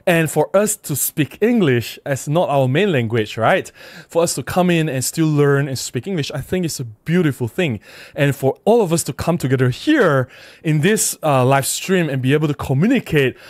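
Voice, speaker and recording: Man, casual livestream host, chatty, tags "right?" onto lines, fairly high voice, dry sound. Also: expressive, normal speed, a little mellow, dry recording. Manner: chatty, reads comments aloud, frequent "right?" and laughs. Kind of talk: casual livestream chat reading viewer comments.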